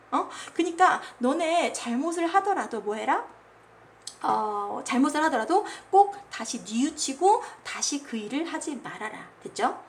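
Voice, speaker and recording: A woman teacher explaining a classical poem in a chatty lecture. She keeps checking that her listeners follow and acts out the poem's commands in a scolding voice. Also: sits high. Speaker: Korean literature teacher.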